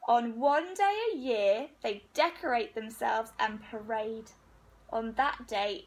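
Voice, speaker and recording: A teacher with a husky voice on the high side reads a picture book slowly and expressively to young children. She stays unhurried and animated, pausing between phrases for her little listeners.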